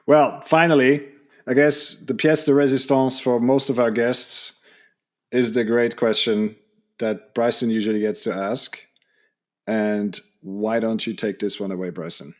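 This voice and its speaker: A man's voice: mid-range voice, fairly even intonation, measured pace. A man co-hosting a casual podcast chat, easygoing as he hands over questions and wraps up the show. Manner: easygoing, wraps up the show and invites listener input. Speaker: podcast co-host.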